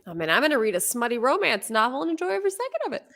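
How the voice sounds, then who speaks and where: A woman co-hosting a casual chat, a former TV weather forecaster who talks in a chatty, animated way. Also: high voice. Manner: chatty and animated, quick laughs.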